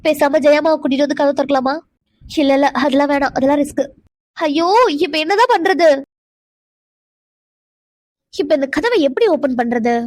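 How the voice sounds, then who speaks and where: A woman's voice: high-pitched, moderate pace, pauses often, a little mellow, dry recording, studio quality, natural voice. A woman voicing an anxious, heartbroken young wife in a cartoon drama, fretting aloud to herself. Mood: anxious muttering.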